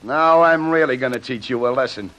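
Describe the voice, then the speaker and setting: A man's voice: mid-range voice, a little fast, fairly bright tone, lightly acted, low-quality recording. A man playing a jealous, bullying tough guy in 1940s radio drama, with slangy, threatening talk. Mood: angry.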